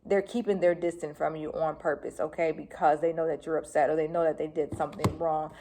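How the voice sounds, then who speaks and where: A woman doing a casual tarot reading, talking fast, chatty and blunt with slang. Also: low voice, flat delivery, warm tone. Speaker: tarot reader.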